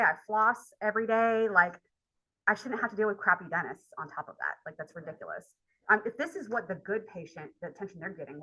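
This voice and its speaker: A woman college instructor at medium pitch, sounding pushed and bright, tells a rambling personal story in a laid-back lecture, chatty and thick with filler words. The highs in the audio are cut off.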